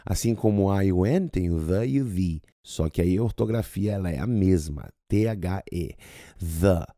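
A man with a Brazilian Portuguese accent teaching English grammar on a podcast, chatty and lively, repeating examples. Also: low-pitched, moderate pace, no echo, studio quality.

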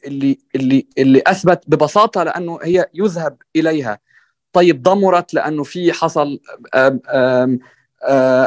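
A man with an Egyptian accent speaks quickly in a slightly raised voice. He stumbles and restarts often, then presses his point earnestly and keeps asking "right?". The sound is dry and close to the mic. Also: a little high, no echo. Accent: Egyptian Arabic. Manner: hesitant, many restarts and fillers, checks in with "right?"; earnest and exhorting. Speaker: guest musician on a panel. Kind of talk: conversational discussion.

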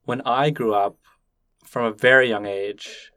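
This Canadian podcast host, whose first language is Cantonese, conducts a conversational interview with curious, gently probing questions. His mid-range voice keeps a fairly even intonation at a slightly slow pace. The sound is dry, with no echo.

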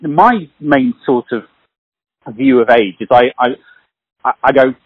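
A man's voice: mid-range voice, measured pace, slightly rough, no room sound, narrow, tinny audio. A man in his forties hosting a casual conversation, telling stories animatedly and swearing now and then. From British. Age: 40s. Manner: animated storyteller, swears, acts out voices. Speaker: podcast host.

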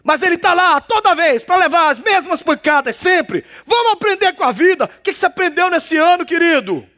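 High-voiced, lively male preacher. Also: fairly quick. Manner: playful, teasing and conversational. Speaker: pastor. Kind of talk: sermon.

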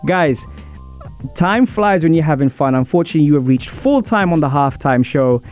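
A man's voice: fairly high pitch, animated, moderate pace, a little mellow. A man hosting a sports talk show, interviewing a guest in a chatty, informal way. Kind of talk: casual radio interview. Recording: music playing behind the voice.

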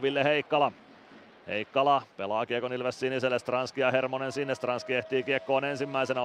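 A man giving radio play-by-play commentary on an ice hockey game from an arena booth, calling the action in quick, steady phrases. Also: medium pitch, a little hiss or hum. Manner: rapid steady play-by-play, rising to shouting at goals.

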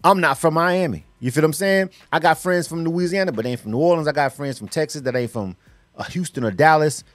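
On a dry recording, a radio host with a fairly high pitch talks quickly. He's a middle-aged Floridian running an interview in a loose, rambling way, peppering it with casual remarks and frequent "you know what I'm saying."

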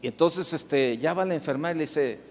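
High-voiced Mexican pastor in a reverberant hall. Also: male voice, a little fast. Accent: Mexican Spanish. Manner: storytelling with many restarts and asides to the congregation. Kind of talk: sermon. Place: church hall.

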